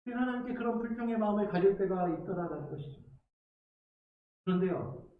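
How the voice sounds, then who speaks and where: A man's voice: high-pitched, a little fast, narrow, tinny audio. A male pastor preaching a sermon, asking rhetorical questions and acting out quotations. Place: church sanctuary. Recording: very echoey church sanctuary.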